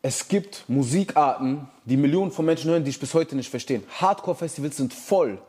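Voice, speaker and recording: A man's voice: a little high, brisk, darkish tone, breathy edge. A young man co-hosting a podcast, talking casually in an emphatic, slangy way. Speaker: podcast co-host. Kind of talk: casual chat.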